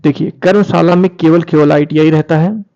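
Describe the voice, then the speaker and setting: In this informal online explainer, a YouTube host reads out formal documents, then comments on them directly and drives key phrases home by repeating them. His fairly high voice is gravelly yet mellow, fairly quick, with fairly even intonation, and the sound is somewhat dull and lo-fi.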